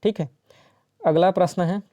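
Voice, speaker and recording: A man's voice: sits high, steady tone, normal speed, dark tone, dry recording, studio quality. A man teaching an exam-prep lesson, explaining each question step by step and checking in often with the listener. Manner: explains step by step with frequent "ठीक है" and "है ना".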